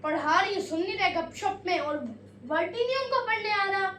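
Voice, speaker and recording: Strict high-voiced woman teacher scolding. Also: lively intonation, bright, forceful tone, reverberant, distant mic, slight background noise. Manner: slow drawn-out verse reading. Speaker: Urdu teacher. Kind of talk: classroom lesson.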